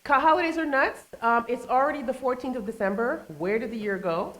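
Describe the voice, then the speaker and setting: A woman's voice: a little high, fairly quick, fairly bright tone. A woman hosting a live talk show on a small stage, chatting playfully and teasing the audience. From United States, family from Trinidad and Tobago.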